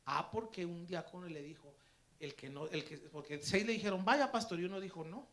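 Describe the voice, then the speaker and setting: High, bright-voiced preacher. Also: male voice, fairly quick. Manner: storytelling, swings from hushed asides to loud, excited preaching. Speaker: pastor. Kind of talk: sermon. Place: church sanctuary.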